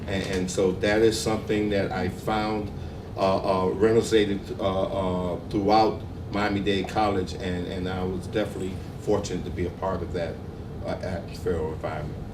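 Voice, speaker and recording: A man talks earnestly on a panel, halting often as he searches for words. His voice is low and level in pitch. He sounds roomy and far from the mic, with noise behind him. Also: little pitch movement. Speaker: law student and activist. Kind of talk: panel discussion. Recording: roomy, distant, noisy.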